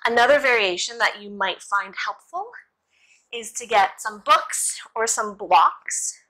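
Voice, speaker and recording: Bright-voiced young woman giving casual instruction. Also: fairly high pitch, expressive, measured pace, poor audio. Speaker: prenatal yoga instructor.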